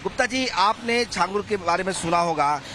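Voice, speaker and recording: A man's voice: sits high, animated, normal speed. A man reporting outdoors from a demolition site, asking residents probing questions. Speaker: field reporter. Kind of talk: street interview. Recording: loud outdoor traffic noise.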